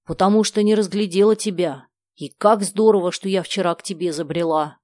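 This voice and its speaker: A woman voicing a sharp-tongued schoolgirl who talks in a sarcastic, indignant way. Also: medium pitch, fairly even intonation, a little fast, no room sound, studio quality, pitched above the performer's own voice, close to an everyday voice.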